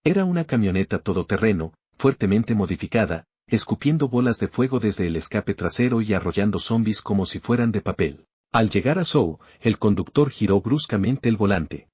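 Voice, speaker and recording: A man with a low, husky voice tells an action story in a steady, even manner. His voice is recorded dry and close, with no room sound behind it. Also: normal speed, no echo. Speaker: narrator. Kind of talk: scripted story recap narration.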